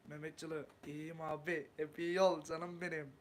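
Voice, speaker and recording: A man from Turkey hosting a casual live stream, chatting with viewers, greeting them warmly and reading comments while he cooks. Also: on the high side, flat delivery, normal speed, slight background noise. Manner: talks while cooking.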